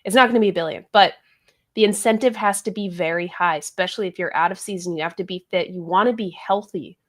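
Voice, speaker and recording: A woman co-hosting a sports podcast, thoughtful and quick to laugh, on a video call. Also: lowish voice, a bit bright. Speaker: co-host, soccer analyst.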